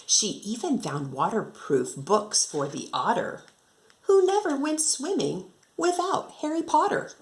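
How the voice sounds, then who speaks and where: Reading a picture book to her second graders, an American elementary teacher speaks with a slightly high, very animated voice at a somewhat slow pace. She keeps the reading expressive and rhythmic and breaks in with casual explanations.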